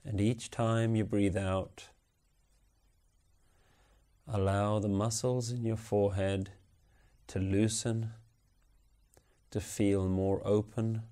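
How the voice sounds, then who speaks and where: A man guides listeners through a relaxation exercise in a slow, soothing way. His voice is low and mellow, and he keeps it flat and even throughout. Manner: slow, soothing, unhurried instructions. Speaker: meditation guide.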